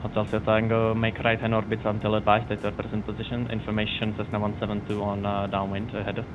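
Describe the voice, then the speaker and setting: A man working as an online air traffic controller, speaking in clipped radio phraseology with a calm, even delivery, heard as a radio transmission through a pilot's headset. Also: on the low side, fairly quick, music in the background. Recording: dull radio audio with loud noise.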